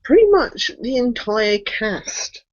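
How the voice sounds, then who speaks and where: A co-host of a fan podcast, animated and opinionated, quick to complain. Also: medium pitch, dry recording. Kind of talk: casual fan chat, ranting. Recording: dull lo-fi dry recording.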